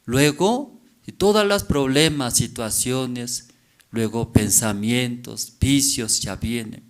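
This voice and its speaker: In this sermon, a male pastor keeps firing rhetorical questions at the congregation and checks in with a quick "mm?". His pitch is medium.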